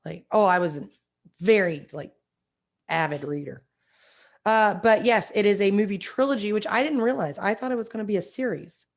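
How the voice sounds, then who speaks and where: A young woman co-hosting a podcast in casual chat, her voice hoarse and raspy, telling things with enthusiasm. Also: medium pitch, normal speed. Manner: animated storytelling, enthusiastic. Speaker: podcast co-host.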